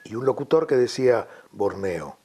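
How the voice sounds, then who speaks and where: A middle-aged man with a Rioplatense Spanish accent, chatting in an interview and reminiscing about his years in radio with lively storytelling. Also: medium pitch, normal speed, heavy background noise. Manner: storytelling, reminiscing, slips into old-radio announcer voices. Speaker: radio host guest. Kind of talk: casual interview chat.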